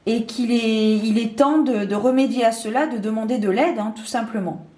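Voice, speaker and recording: Woman tarot reader, slightly high voice, hesitant and full of fillers, roomy echo. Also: normal speed, darkish tone. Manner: hesitant, many fillers and restarts. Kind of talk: casual tarot reading to camera. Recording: echoey room.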